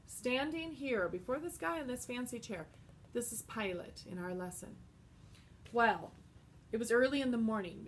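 A woman telling a Bible story to children in a slow, expressive way. Her voice sits at an everyday middle pitch. Faint background hiss runs under the recording. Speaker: Bible teacher.

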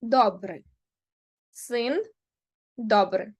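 A woman teaching a beginner lesson in a fairly high voice. She speaks very slowly and deliberately, repeating each letter and example word. She moves back and forth between two languages as she explains. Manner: switches between Ukrainian and Polish. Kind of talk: slow beginner lesson on the alphabet.

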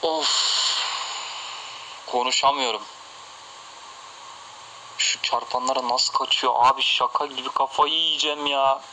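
Slow, swearing man reacting to slots. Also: medium pitch, level tone, a little hiss or hum, rough recording. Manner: cursing and shouting in frustration. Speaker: casino slot streamer. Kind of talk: live slot stream reaction.

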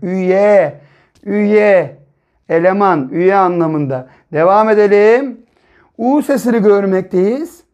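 Speaking in a high, mellow, soft-edged voice, a patient male primary school teacher guides young children through reading. He sounds out syllables one by one before blending them into words, often ending a point with a gentle checking question.

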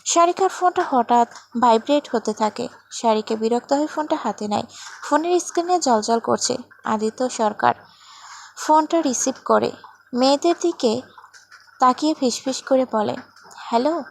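A woman storyteller reading a sad family story aloud in a gentle, even way. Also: high-pitched, normal speed, vocal fry, a little hiss or hum. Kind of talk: scripted story narration.

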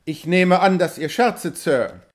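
A man's voice: high-pitched, measured pace. A man voicing a swindler posing as a trapper, talking eagerly and ingratiatingly. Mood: indignant.

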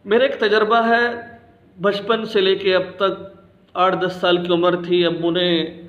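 A man in his thirties teaching the alphabet for Quran reading, speaking patiently and plainly and drawing out each letter slowly so listeners can repeat it. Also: sits high, level tone, roomy sound, dull audio. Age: 30s. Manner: slow, drawn-out letter pronunciations for repetition. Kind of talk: recorded alphabet lesson for parents.

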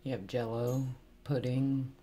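A woman's voice: extremely low pitch, level tone, measured pace, warm tone. Reassuring middle-aged mother, chatting casually. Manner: reassuring, coaxing, simple explanations. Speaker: parent looking after a patient. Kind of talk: casual chat. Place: small recovery room, indoors.

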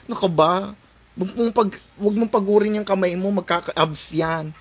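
A man's voice: sits high, moderate pace, slightly rough. A man from the Philippines giving sarcastic, taunting vlog commentary that mixes in English words. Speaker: vlogger. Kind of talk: mocking commentary.

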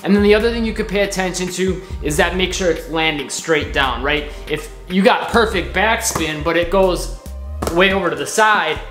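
In an echoey living room with faint music playing, a thirties-aged man demonstrates basketball drills from his couch, coaching cheerfully in an instructional demo. He speaks at normal speed in a high, fairly bright voice.

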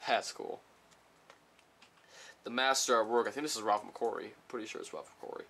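A man's voice: lowish voice, fairly even intonation, pushed and bright, breathy edge. Rambling man reading out trading cards. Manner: rambling, reads card titles aloud slowly. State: slightly sick. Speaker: card unboxing vlogger. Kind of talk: casual unboxing chat. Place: small room at home.

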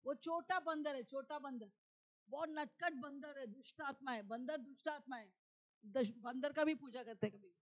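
A woman preacher from India delivers a sermon in a high voice. She poses questions to the congregation and answers them herself, repeating key phrases. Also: moderate pace.

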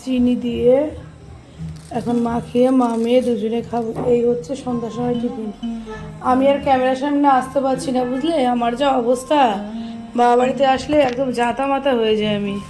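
A middle-aged woman with a hoarse voice, chatting to viewers in a casual home vlog. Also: fairly high pitch, fairly even intonation, brisk, music in the background. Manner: chatty, addresses viewers directly. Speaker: vlogger. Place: family home, in and out of doors.

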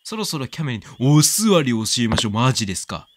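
A man doing casual let's-play commentary, excitable, exclaiming often and cooing at the pet. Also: mid-range voice, fast talker. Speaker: game commentator.

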